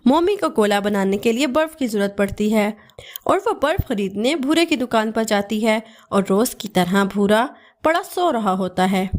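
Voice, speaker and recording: A woman narrating a children's cartoon story in a steady, scripted storytelling manner. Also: mid-range voice, moderate pace.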